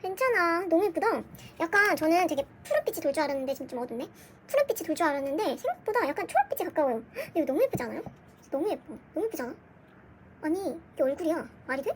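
A young woman vlogging an unboxing at home, gushing excitedly with gasps and squeals. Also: very high-pitched, very fast, background noise. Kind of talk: casual unboxing chat. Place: home room, dim lighting.

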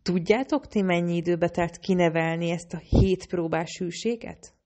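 A woman's voice: on the low side, dark tone, lightly acted. A woman reading as a cold, hissing scientist. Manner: hissing, curt.

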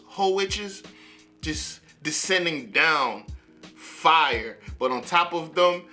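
Bright, excitable man reacting to music. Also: a little high. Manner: excitable, slangy, repeats himself. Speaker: music reaction channel host. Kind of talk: casual reaction commentary.

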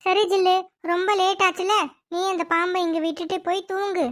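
Woman voicing snake-woman aunt, cartoon, blunt, grumbling, high voice. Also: little pitch movement, moderate pace, dry recording, clean studio sound.

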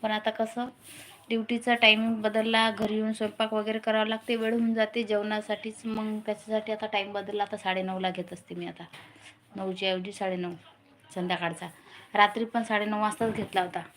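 A woman with a Vidarbha Marathi accent chats on a casual home live stream, greeting viewers and calling for comments. Her pitch stays flat and even throughout. A faint hiss of household noise sits behind her phone recording. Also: fairly quick. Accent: Marathi from Vidarbha region. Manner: urges viewers to comment, chats with family off-camera.

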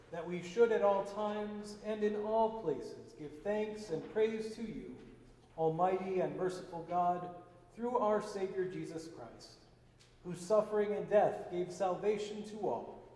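A man presiding at a eucharistic liturgy, reciting the prayers in a measured, solemn way, his voice carrying a cathedral echo. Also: high-pitched, mellow. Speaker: presiding minister. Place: large church sanctuary. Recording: echoey church with long reverb.

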